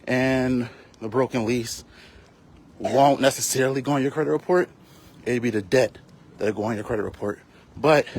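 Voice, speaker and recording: A realtor giving casual, rambling tips on a live stream while walking outdoors, out of breath and full of fillers. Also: male voice, mid-range voice.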